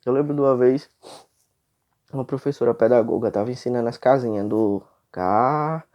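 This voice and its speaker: A man with a Brazilian accent teaching a high school class, explaining step by step and often checking in with his students. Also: normal speed, darkish tone, lo-fi sound. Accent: Brazilian Portuguese. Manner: explanatory, checks in with frequent tags. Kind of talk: classroom lecture.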